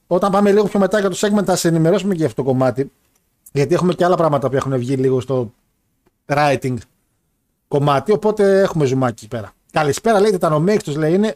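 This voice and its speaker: A man's voice: fairly high pitch, a little mellow. A young man co-hosting a casual show, joking, laughing and rambling while he reads out listener messages. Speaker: podcast co-host reading listener messages. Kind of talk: casual banter about wrestling and football.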